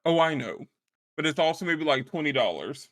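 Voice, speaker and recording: A man's voice: on the high side, expressive, fairly quick, fairly bright tone. A man co-hosting a casual podcast chat, joking in a self-deprecating way. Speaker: podcast co-host.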